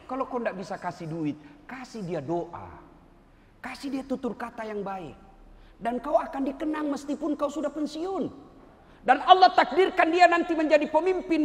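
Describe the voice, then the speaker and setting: A middle-aged man with a Makassar accent, preaching a sermon, who swings between loud emphatic lines and soft quoted asides. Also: very high voice. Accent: Makassar Indonesian. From Indonesia. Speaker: lecturer. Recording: roomy hall, faint background noise.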